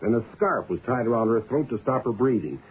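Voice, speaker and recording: A thin, faintly noisy old radio recording of a man acting as a hard-nosed police inspector. He is blunt and skeptical, pressing his points with lively swings in pitch. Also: brisk, phone-quality sound, lightly acted. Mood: insistent, interrogating. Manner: blunt, insistent, interrogating. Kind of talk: radio detective drama acting.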